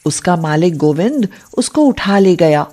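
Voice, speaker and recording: Woman, narrator, scripted story narration, steady, plain delivery. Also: on the low side, measured pace.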